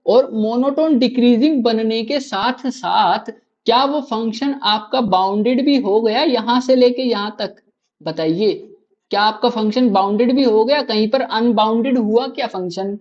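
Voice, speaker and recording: A man's voice: extremely high pitch, unhurried, a little mellow. A male maths teacher runs a live online class, firing questions at his students and repeating each answer to drive it home. His voice comes through a dull, lo-fi recording. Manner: quizzes students with constant rhetorical questions; repeats key answers to drill them in.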